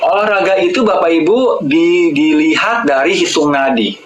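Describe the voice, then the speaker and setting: A man's voice: fairly high pitch, lively intonation, normal speed, echoey room, a little hiss or hum, poor audio. A man hosting a live-stream health talk, lecturing his viewers directly and repeating key words for emphasis.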